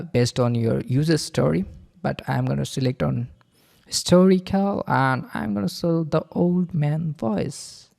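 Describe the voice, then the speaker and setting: A man giving a casual screen-recording tutorial, halting with many fillers and repeated okays. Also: mid-range voice, creaky, mellow. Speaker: software reviewer.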